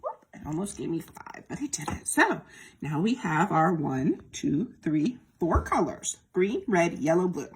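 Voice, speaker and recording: Speaking to young viewers directly, a woman presents a children's lesson at library storytime, sing-song and unhurried, prompting them as she goes. Her voice is lowish, the lesson relies on repetition and demonstration, and there's a little hiss or hum in the audio.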